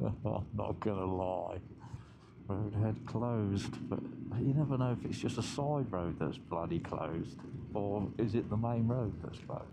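Unhurried biker chatting over engine noise. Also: male voice, lowish voice, vocal fry. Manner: chatty, laughs a lot, swears casually. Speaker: motorcycle vlogger. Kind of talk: casual ride commentary. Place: riding a motorbike outdoors on mountain roads.

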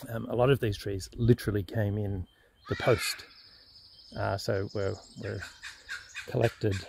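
Gravelly, low-voiced Australian man. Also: steady tone, background noise. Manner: measured, thoughtful, with frequent ums and restarts. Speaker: smallholder vlogger. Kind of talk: casual explanatory vlog.

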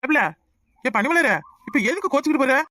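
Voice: high voice, fast talker, pushed and bright, no echo, clean studio sound. Someone voicing a bossy village uncle with a Kanyakumari accent. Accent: Kanyakumari Tamil. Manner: bossy but affectionate, scolding. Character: caring middle-aged village uncle, head of household. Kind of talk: cartoon voice acting.

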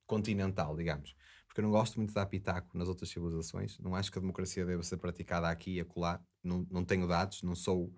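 A man's voice: sits low, little pitch movement, rapid-fire, darkish tone. A man in his thirties with a European Portuguese accent, a podcast guest in casual debate, earnest and digressive with many restarts. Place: small studio with acoustic foam. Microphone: desk mic on boom arm.

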